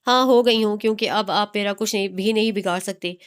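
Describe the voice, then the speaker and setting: A woman's voice: medium pitch, steady tone, brisk, lightly acted. A woman voicing a defiant young heroine who mocks the man courting her. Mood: taunting. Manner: taunting, sharp.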